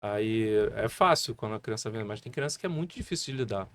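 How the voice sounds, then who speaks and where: Animated Brazilian man telling stories. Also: fairly low pitch, fast talker. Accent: Brazilian Portuguese. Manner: animated storytelling with many fillers. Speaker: guest martial arts instructor. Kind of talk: casual podcast conversation.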